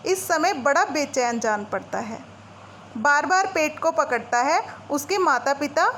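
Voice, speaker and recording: A woman with a high voice teaches a school lesson, reading a short play aloud and then going back over it in relaxed, everyday words. A faint hiss sits behind her. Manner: reads a passage then retells it in casual Hindi-English mix.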